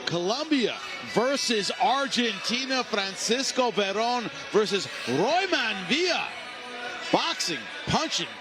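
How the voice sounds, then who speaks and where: High-voiced male boxing play-by-play host. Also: big pitch swings, takes it slowly, over music. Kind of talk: live sports commentary.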